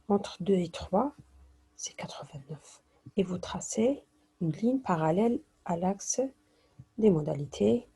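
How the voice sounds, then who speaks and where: A woman's voice: on the low side, gravelly, mellow, husky. A woman teacher explaining a statistics lesson, slipping into Arabic dialect and restarting phrases. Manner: mixes French with Arabic dialect, hesitant restarts.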